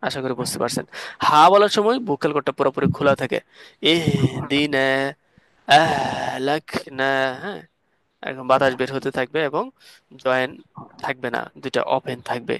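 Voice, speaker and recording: A man's voice: medium pitch, a little fast, creaky, fairly bright tone, slight background noise. A man teaching an online Quran recitation class, explaining patiently step by step and quizzing his students. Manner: asks students questions to check understanding.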